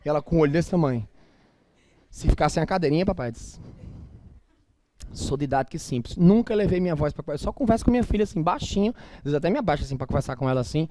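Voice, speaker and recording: A middle-aged man with a Northeastern Brazilian accent, lecturing a class in an emphatic, animated, colloquial way with blunt asides. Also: a little high, fast talker, a little hiss or hum. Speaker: teacher.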